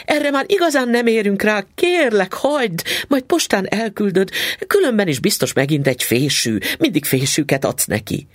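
A man voicing an anxious, high-strung older wife who dreads being late, pleading and fretful. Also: very animated, no room sound, studio quality.

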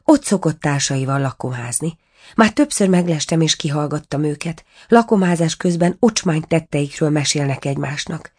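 A woman's voice: low voice, lively intonation, a little mellow, slightly rough. A woman voicing a sorrowful princess turned into an owl in a storybook reading, plaintive and pleading.

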